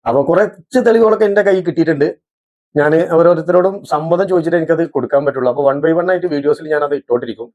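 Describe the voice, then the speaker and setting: A man's voice: a little high, racing, darkish tone. A man with a Malabar Malayalam accent, vlogging in an indignant, accusing monologue. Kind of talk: casual vlog monologue. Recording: dull lo-fi audio.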